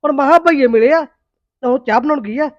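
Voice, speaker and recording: A man's voice: very high voice, no echo, highs cut off. An actor playing a young village man reassuring an angry older aunt, with a Punjabi accent. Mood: soothing. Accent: Punjabi, Doabi. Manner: placating, rushed reassurance.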